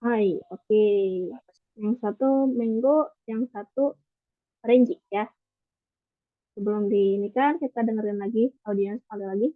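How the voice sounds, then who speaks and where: A woman's voice: on the high side, steady tone, a little slow, no echo. A woman language teacher explaining grammar patiently in an online class, checking in with the students often. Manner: patient explaining, frequent tag questions. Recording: tinny call audio, dry.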